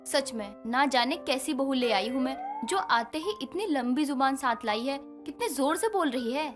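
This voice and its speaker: A woman's voice: high voice, lively intonation, normal speed. A woman voicing a fretful mother-in-law. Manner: scolding, worried. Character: quiet, fretful middle-aged mother-in-law. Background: background music.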